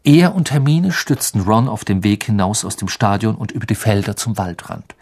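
Lively male audiobook narrator. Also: fairly low pitch, normal speed. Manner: lively, expressive storytelling. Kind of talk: scripted narration.

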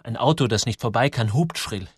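Male audiobook narrator, animated delivery, dry close read. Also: mid-range voice, brisk, husky, no room sound. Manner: lively, dramatic storytelling with sudden drops and rises. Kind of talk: scripted narration.

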